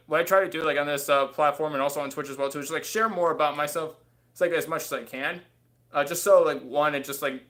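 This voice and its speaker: Rambling into a close desk webcam, this livestream host, a man in his thirties, broadcasts casually from a small bedroom. His voice is a little high with a fairly bright tone, and his speech is packed with fillers and the word "too."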